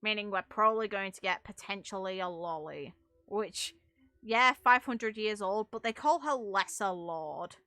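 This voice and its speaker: Discussing game lore, this woman offers loose, rambling commentary full of wry asides and the occasional swear. She speaks a bit slowly in a mid-range, sharp-toned voice, and the recording is dry.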